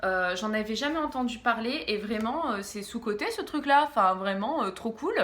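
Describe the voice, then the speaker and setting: A woman's voice: a little high, animated, a bit bright. Giggly, groggy young Frenchwoman reviewing books. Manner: giggly, halting, stumbles over words. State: groggy from medication. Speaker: book vlogger. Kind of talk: casual book review.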